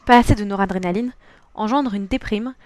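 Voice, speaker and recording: A woman's voice: medium pitch, fairly quick, darkish tone, no room sound. A teenage girl from France narrating a scripted school presentation, reading a prepared text carefully and evenly. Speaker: student presenter.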